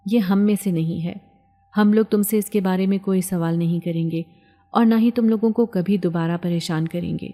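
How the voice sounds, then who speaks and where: Woman storyteller, low and mellow voice, steady scripted narration. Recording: long hall reverb.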